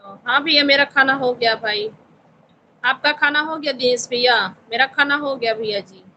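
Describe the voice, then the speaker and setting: Bright-voiced woman chatting on a live stream. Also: high-pitched, normal speed, lo-fi sound, slight background noise. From Uttar Pradesh, India. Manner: polite, calls everyone brother. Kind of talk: casual live chat reading viewer comments. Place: home in Visakhapatnam.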